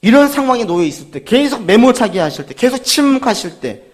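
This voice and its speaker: A man's voice: very high voice, sing-song, fast talker. A man preaching a sermon as pastor, earnest and full of rhetorical questions.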